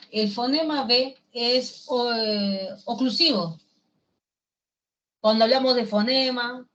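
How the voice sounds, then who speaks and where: Peruvian woman teacher, unhurried delivery, asks the class questions; muffled lo-fi classroom recording. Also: on the high side, fairly bright tone. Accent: Peruvian Spanish. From Peru. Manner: slow, explains step by step with questions to the class. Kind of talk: language class lecture.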